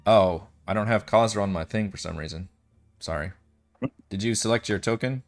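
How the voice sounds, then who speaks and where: Low-pitched man as game master. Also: moderate pace, faint music behind. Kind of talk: narrating a tabletop game, casual.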